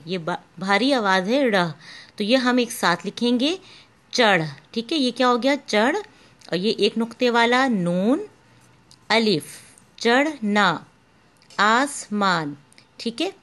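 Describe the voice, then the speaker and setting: A woman's voice: a little high, animated, slow, a bit bright. A woman school teacher giving a patient lesson, spelling out letters one by one and calling her pupils "beta". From Pakistan. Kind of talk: slow, patient classroom instruction.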